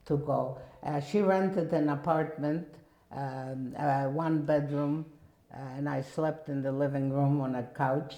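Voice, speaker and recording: A woman in her eighties from Poland, with a Polish accent, telling her life story in a halting, emphatic way with many restarts. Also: low voice, steady tone, warm tone, reverberant. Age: 80s. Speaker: guest speaker. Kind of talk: personal testimony.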